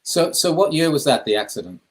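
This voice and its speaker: A man's voice: fairly high pitch, brisk. Man asking interview questions. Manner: calm, prompting questions with small restarts. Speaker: interview host.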